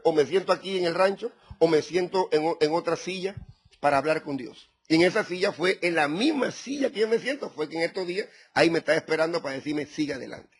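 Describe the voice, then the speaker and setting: A man's voice: on the high side, husky. A middle-aged man preaching a sermon, speaking directly to his congregation with rising emphasis. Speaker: pastor.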